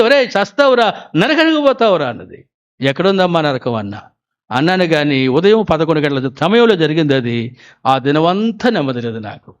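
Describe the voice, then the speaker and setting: A man's voice: high-pitched, clear, resonant tone. A man preaching a sermon at a prayer house, telling his own testimony and often asking the congregation whether they follow. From Andhra Pradesh, India. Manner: asks the congregation questions again and again.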